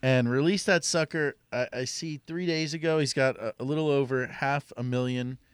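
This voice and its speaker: A man's voice: mid-range voice, moderate pace, smooth, dry recording. A man hosting a casual sports talk show, wry and teasing with the others.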